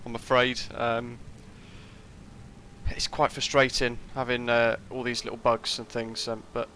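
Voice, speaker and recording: A young British man casually comments on a live flight sim stream, rambling with plenty of fillers while answering chat. His medium-pitched voice is fairly flat, a little slow and sharp in tone, with a slight hiss or hum in the audio.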